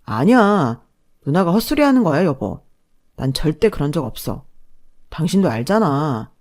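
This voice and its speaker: A cowardly young husband scrambles to deny everything and begs his wife to believe him, as a woman plays him. She lowers her voice, and he sounds flustered and pleading. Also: sing-song, normal speed, a little mellow.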